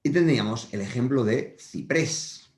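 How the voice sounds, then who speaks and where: A man's voice: mid-range voice, animated, a little slow. A man giving a patient whiteboard grammar lesson to schoolchildren, repeating each point and checking in often. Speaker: primary school teacher. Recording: roomy echo.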